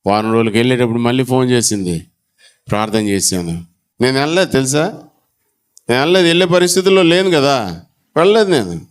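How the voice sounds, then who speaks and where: A man preaching a sermon in church, calling out to the congregation and acting out conversations, his voice swinging from loud to low and soft. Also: a little fast, long pauses, smooth. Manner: animated preaching, with sudden drops to a low, soft voice; acts out dialogue and calls to the congregation. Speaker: pastor.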